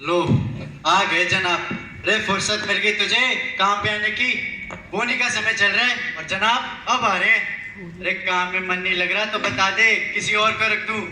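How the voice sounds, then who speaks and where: A bossy, stingy middle-aged shopkeeper, played by a man who scolds and blusters. His voice sits fairly high and sounds very forceful and bright. It rings in an echoey stage hall. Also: steady tone, unhurried, a little hiss or hum, heavily acted. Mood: scolding. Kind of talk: stage play acting.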